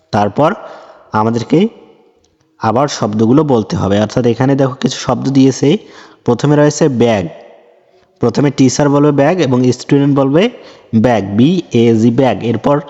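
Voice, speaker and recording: A man teaching a children's English lesson, explaining words slowly and patiently and repeating each one. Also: medium pitch, a little mellow. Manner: slow, patient, repeats each word and meaning. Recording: dull lo-fi sound with long reverb.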